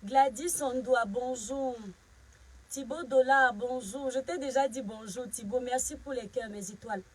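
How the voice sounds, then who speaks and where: On a casual live stream, a woman from Cameroon greets viewers by name and sharply scolds her critics. Her husky voice is on the high side and unhurried, and the recording quality is low.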